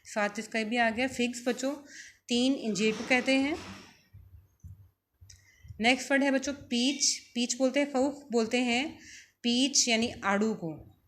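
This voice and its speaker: A woman with a Pakistani Urdu accent teaching a vocabulary lesson, repeating each word slowly for her students. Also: on the high side, a bit bright, slight background noise.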